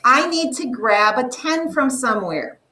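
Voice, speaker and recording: A woman teaching a math lesson to a classroom, explaining step by step and slowly drawing out the numbers. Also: high voice, expressive, bright, forceful tone, distant mic, a little hiss or hum, poor audio.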